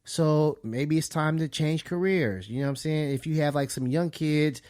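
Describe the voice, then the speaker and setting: A man co-hosting a podcast, giving calm, reasoned advice in a casual way. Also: a little high, moderate pace, no echo, clean studio sound. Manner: calm, reasoning advice with "you know what I'm saying". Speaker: podcast co-host.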